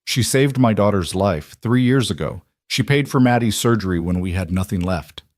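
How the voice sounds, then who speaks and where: A man's voice: lowish voice, expressive, moderate pace, dry recording, clean studio sound, natural voice. A man reading as a shaken, worn-out single father. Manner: hoarse, emotional.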